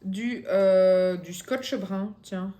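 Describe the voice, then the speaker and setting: A woman's voice: mid-range voice, drawn-out words, warm tone. A young woman with a Belgian French accent, chatting casually through a shopping haul at home, hesitant and full of fillers. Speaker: vlogger. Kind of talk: casual grocery haul chat. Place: home, near the kitchen.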